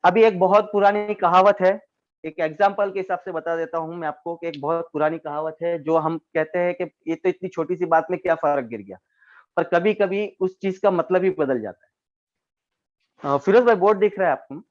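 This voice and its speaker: A network marketing trainer with a high voice runs an online training talk over a video call, patiently explaining each point at normal speed and repeatedly addressing his listeners as friends. The audio comes across dull and lo-fi.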